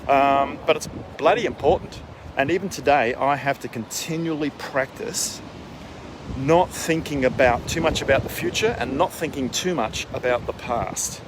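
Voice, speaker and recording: Male coach, conversational and emphatic, medium pitch, recorded outdoors with strong wind and water noise. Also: normal speed. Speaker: wellness coach for executives. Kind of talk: casual spoken advice vlog. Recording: windy outdoor mic, boat and water noise.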